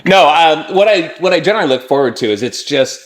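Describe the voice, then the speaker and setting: A man's voice: a little high, animated, quick pace. A man in his fifties chatting casually as a podcast guest, rambling with lots of fillers and asides.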